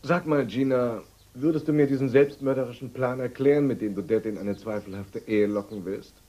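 An actor voicing a suspicious man in a dubbed soap opera who asks dry, probing questions. His voice is warm and mellow. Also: medium pitch, brisk, lightly acted. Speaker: brother.

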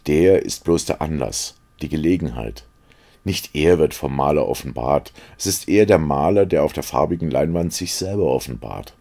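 A man's voice: rumbling low, expressive, moderate pace, vocal fry, dark tone, heavily acted. A man reading aloud as an earnest, secretive young painter who confides and pleads. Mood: earnest, confiding.

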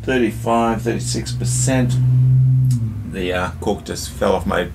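A man's voice: lowish voice, unhurried, vocal fry, loud music behind the voice. A man hosting a casual drinks review vlog, chatty and jokey, talking straight to his viewers and telling a joke along the way.

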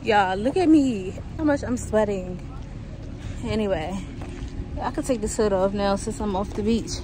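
A medium-pitched woman talks a little slowly in a casual vlog to camera, chatty and calling her audience y'all. She's a lifestyle vlogger recorded on noisy outdoor camera audio.

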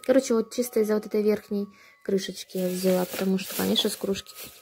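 A woman's voice: mid-range voice, steady tone, quick pace, a little mellow, a little hiss or hum. A young woman talking casually as a vlogger while showing purchases at home on a handheld phone. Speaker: vlogger, mother of a baby. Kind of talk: casual unboxing vlog chat. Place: indoors at home, tiled and wooden floors. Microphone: handheld phone behind the camera.

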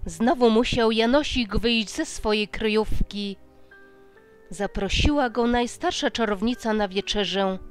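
Audiobook storyteller, woman, slow and smooth, faint music behind. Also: fairly high pitch. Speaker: audiobook reader. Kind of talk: scripted storybook narration.

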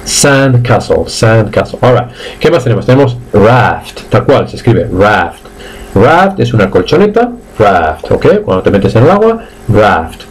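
Lively Spanish man teaching English words. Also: lowish voice, breathy edge, rough recording. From Spain. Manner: switches between quick Spanish explanations and slow drawn-out English words. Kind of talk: live online English lesson.

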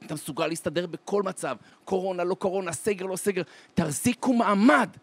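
A rabbi giving an inspirational holiday talk as a dramatic storyteller, slowing down to stretch his words for emphasis. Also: steady tone. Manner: dramatic storyteller with wide swings in pitch and loudness; slows to a drawn-out, deliberate delivery for emphasis. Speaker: rabbi and lecturer.

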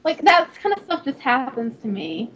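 A young woman with a Southern accent, chatting and giggling in a rambling, excitable way while live-streaming a game. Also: high voice, normal speed, a crowd in the background. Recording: slightly dull, faint noise.

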